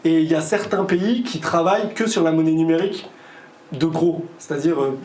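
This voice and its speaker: A man's voice: fairly high pitch, fairly even intonation, moderate pace, a little mellow. A man giving a conference talk to a live audience. He hesitates a lot, with frequent fillers and repeated words, and slips in sarcastic, ironic asides. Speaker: guest lecturer. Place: conference hall. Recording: echoey hall, faint room noise.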